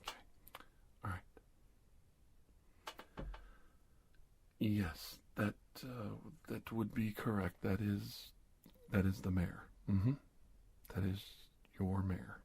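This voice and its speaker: In a soft-spoken ASMR roleplay, a man voices a calm, reassuring government agent in a low, breathy, gravelly voice. He goes slowly, hesitant and gentle, often sinking toward a whisper, giving a full character performance with a calm, measured mood.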